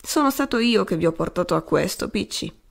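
A woman's voice: mid-range voice, animated, a little fast, vocal fry. A woman voicing a proud, doomed man king who speaks with dignified command. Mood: remorseful. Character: proud doomed male king facing death.

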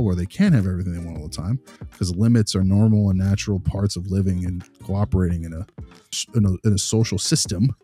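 This man's voice sits on the low side, a bit mellow and husky. He's a podcast host discussing behavior analysis, speaking conversationally and explaining things at length in an earnest, emphatic style.

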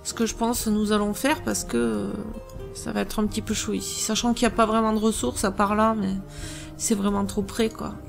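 A woman hosting a let's play, thinking aloud through strategy gameplay in a musing, hesitant way with many pauses. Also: mid-range voice, little pitch movement, vocal fry, over music.

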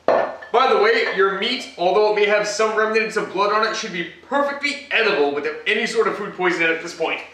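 A high-pitched, bright, forceful male voice, a little fast, belongs to a cooking show host demonstrating a recipe at home. He chats through the steps with joking asides. The camera mic sits across the room, so the indoor kitchen sounds echoey.

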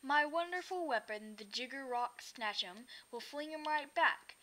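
A woman's voice: high voice, lively intonation, measured pace, pushed and bright, heavily acted. A woman reading as a mean, snarling rival soldier. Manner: sneering storybook read-aloud.

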